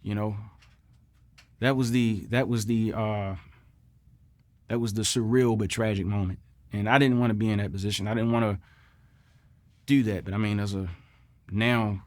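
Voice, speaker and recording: A middle-aged man, a combat veteran, giving a personal interview recollection in a reflective, earnest way, repeating phrases for emphasis. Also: fairly low pitch.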